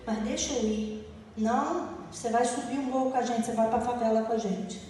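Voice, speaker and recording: A woman's voice: a little high, a little fast, dark tone, a little hiss or hum. A middle-aged woman from Rio de giving a testimony sermon, telling a story and acting out the voices in it. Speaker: church speaker giving testimony. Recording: echoey hall from far off.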